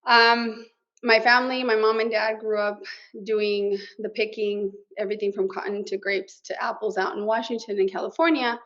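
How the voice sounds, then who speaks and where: A woman's voice: mid-range voice, fairly even intonation, normal speed, a bit bright. Middle-aged woman, grew up in mexico and nebraska, earnest and emotional, dull lo-fi sound. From Mexico, raised in Nebraska. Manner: earnest, emotional, with Spanish words mixed in. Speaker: interview guest, business owner. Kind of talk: personal story in an interview.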